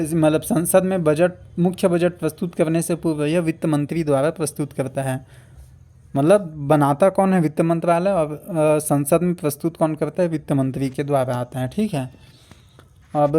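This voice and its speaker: Warm-voiced exam coach. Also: male voice, a little high. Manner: addresses students as friends, repeats key facts, asks and answers questions. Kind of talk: exam prep lecture.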